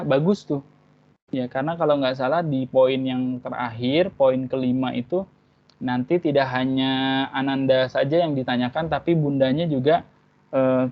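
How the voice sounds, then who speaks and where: A man with a mid-range voice leads an online training session for young school applicants. He explains in a relaxed teacherly way and keeps checking in with short tag words after each point. The sound is dull and lo-fi, like a video-call recording. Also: medium pitch. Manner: casual teacherly, tags points with "ya" and "gitu".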